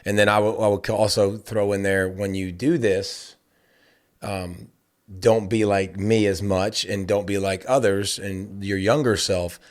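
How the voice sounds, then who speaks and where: A middle-aged man co-hosting a casual conversation, talking in a lively way, repeating words and acting out quotes. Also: fairly low pitch, unhurried. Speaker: podcast co-host and dad.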